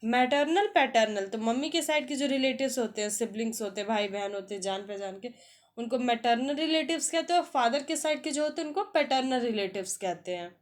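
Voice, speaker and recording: A woman teacher with a fairly high voice walks students through a textbook chapter. She reads each English sentence slowly and deliberately, then switches to a relaxed, chatty explanation full of questions to the class. Her tone is patient and conversational.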